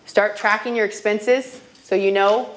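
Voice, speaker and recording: Unhurried and fairly even in intonation, her mid-range voice carries a classroom money workshop. This financial literacy trainer, a woman in her thirties, tells stories and repeatedly checks in with "okay?".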